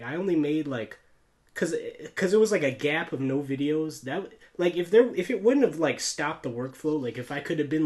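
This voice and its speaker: An American man tells personal stories in casual podcast chat. His voice sits a little higher than average. He rambles and restarts, leaning on slang like dude and bro. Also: a little mellow. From United States. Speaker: YouTuber, podcast host.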